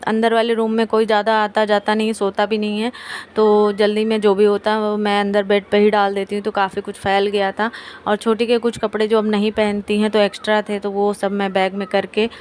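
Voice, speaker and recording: A woman narrating her daily routine at home for a family vlog, speaking softly so as not to wake a sleeping child. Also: mid-range voice, completely flat delivery, brisk, a little hiss or hum. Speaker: vlogger. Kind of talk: casual vlog voice-over.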